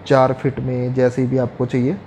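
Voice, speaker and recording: Man in his thirties, seller explaining equipment to camera; mellow, darker tone, steady instructive delivery, lapel mic in a small room. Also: medium pitch, normal speed, a little hiss or hum. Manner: steady, instructive, listing items.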